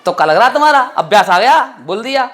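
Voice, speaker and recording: A man's voice: very high voice, sing-song, a bit bright. Strict guy teaching grammar, keeps asking the class questions and telling them off. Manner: stern, scolding, full of quick quiz questions to students.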